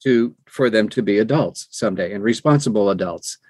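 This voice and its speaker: This older man, an audiobook narrator, chats in an interview with measured, emphatic delivery and deliberate pauses. His fairly low voice is a little mellow with a breathy edge, and there's no echo.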